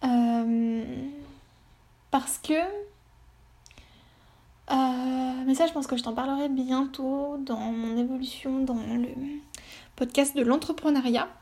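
Woman, podcast host, casual solo chat, hesitant, high voice, mellow tone. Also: fairly even intonation, takes it slowly, pauses often. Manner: rambling, hesitant, lots of fillers.

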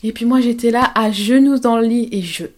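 A young woman, a podcast guest, telling her story in a casual, candid, animated way, with slang and frequent laughter. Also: a little high, a little fast. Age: young adult.

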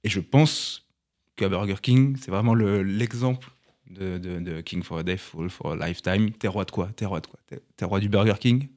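Brief: male co-host, low voice, mock-pompous, rambling storyteller. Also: moderate pace, a little mellow. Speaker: podcast co-host. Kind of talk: casual banter.

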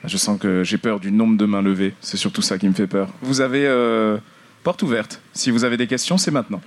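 Low-voiced, joking male moderator. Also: a little fast. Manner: joking, teasing. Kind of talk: hosting questions at a forum.

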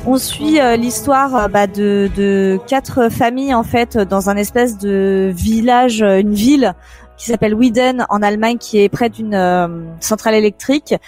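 A woman chatting casually on a show, lively and quick to laugh. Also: mid-range voice, faint music behind. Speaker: guest on a show. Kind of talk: casual radio show chat.

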